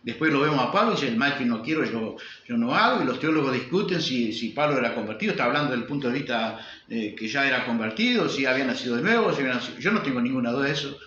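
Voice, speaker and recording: A man's voice: medium pitch, expressive, fast talker, few pauses, a bit bright. A male pastor with a Uruguayan Spanish accent, preaching emphatically with repetition and rhetorical questions. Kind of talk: sermon. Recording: roomy, dull lo-fi sound.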